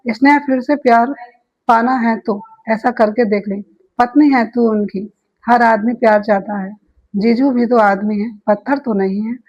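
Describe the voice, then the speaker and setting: A woman's voice: a little high, fairly even intonation, measured pace, darkish tone, dull audio. Woman voicing a bold teasing young friend. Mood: coaxing. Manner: teasing, coaxing.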